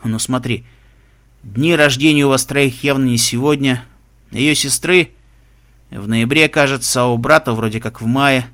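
A man reading aloud and voicing a gruff, teasing middle-aged stepfather who speaks in a lazy drawl. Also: medium pitch, moderate pace, fairly bright tone, voice pushed down, lightly acted.

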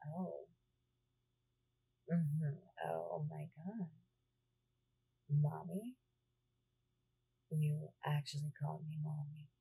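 A woman with a low, mellow voice speaks slowly right at the microphone in an intimate roleplay. Her tone is very breathy and husky, and she teases, easing in and out of whispers. The delivery stays hushed and close throughout. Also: flat delivery, no echo, low-quality recording. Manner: teasing, slips between soft talk and whispers. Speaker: audio roleplay performer.

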